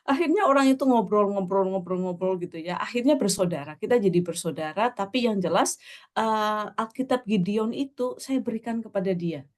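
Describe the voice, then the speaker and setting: A woman's voice: medium pitch, brisk. A woman from Java giving her testimony in an interview, telling her story with frequent laughter and slipping into English now and then. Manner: animated storyteller, laughs often, mixes in English.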